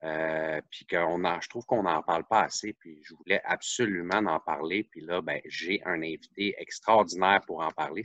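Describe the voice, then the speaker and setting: With a low, bright, forceful voice and no room sound, this man hosts a podcast in a Québécois French accent. The interview chat is casual, and he frequently gropes for words and starts over.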